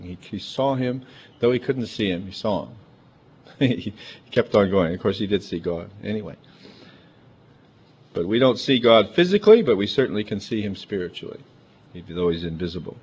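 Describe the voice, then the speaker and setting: A pastor's lowish, husky voice with a darkish tone carries a big, emphatic sermon. He talks in a chatty, conversational way, full of asides. The recording has a dull lo-fi quality.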